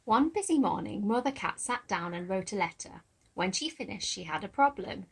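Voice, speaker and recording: A woman narrating a children's picture book aloud, gently pointing young listeners to the pictures. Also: mid-range voice, animated, moderate pace, a little hiss or hum, poor audio. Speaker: storybook narrator.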